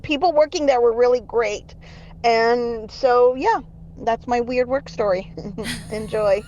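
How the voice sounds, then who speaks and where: A woman's voice: on the high side, slow pace, a little mellow. A woman calling in, telling a casual story over a phone line in a voicemail and laughing between sentences. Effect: over a phone line, left as a voicemail. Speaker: caller.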